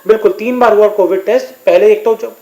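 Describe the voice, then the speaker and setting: A man's voice: sits high, steady tone, fairly quick, dark tone, echoey room, low-quality recording. A man reporting as a sports correspondent in a news discussion, giving detailed explanations.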